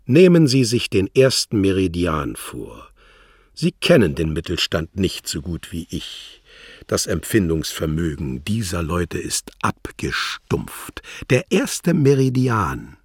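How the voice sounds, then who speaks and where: A man voicing a scornful, threatening embassy secretary with a guttural, rasping snarl. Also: sits low, sing-song, slow, no room sound, clean studio sound, exaggerated voice. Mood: dismissive. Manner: mocking, threatening, condescending. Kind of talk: audiobook character voice.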